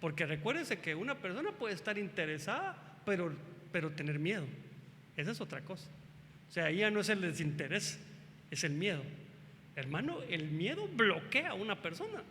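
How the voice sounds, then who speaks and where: A man preaching as pastor at a family church service, emphatic and animated, addressing the congregation with questions. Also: high voice, in a large hall, slight background noise.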